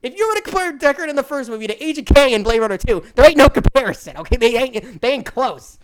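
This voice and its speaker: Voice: high-pitched, animated, fast talker, slight background noise. A young adult film vlogger giving a casual, heated rant, swearing and repeating points, with short laughs in between.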